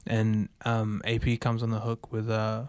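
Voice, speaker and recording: A man chatting casually about his album, relaxed, with laughing asides and lots of fillers. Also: lowish voice, a little slow, smooth, no room sound. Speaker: musician introducing his album. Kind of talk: casual chat.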